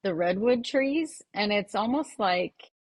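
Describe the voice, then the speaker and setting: A woman's voice: medium pitch, lively intonation, slow, breathy edge, no room sound. A woman in a casual group conversation, speaking earnestly and searching for her words. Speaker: medium in group session.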